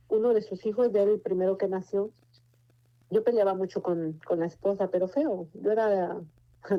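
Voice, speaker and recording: Woman, Mexican accent, 40s, faith testimony, earnest, meandering, muffled lo-fi sound. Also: medium pitch. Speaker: testimony speaker. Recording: muffled lo-fi recording.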